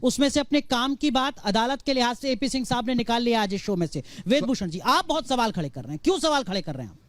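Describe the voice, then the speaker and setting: Male TV debate anchor, high voice, dry studio sound, firm, cuts in often. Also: lively intonation, quick pace, fairly bright tone, no echo. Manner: firm, keeps cutting in to keep time. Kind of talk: moderating a heated news debate.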